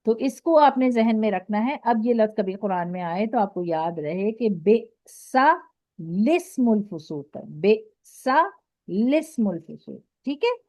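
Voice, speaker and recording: A woman with an Urdu accent teaching Quran recitation rules in an online lesson. She explains patiently, keeps checking with "okay", and recites her examples slowly. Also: mid-range voice, lively intonation, warm tone, no room sound. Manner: slow drawn-out recitation of examples. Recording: dry, dull lo-fi audio.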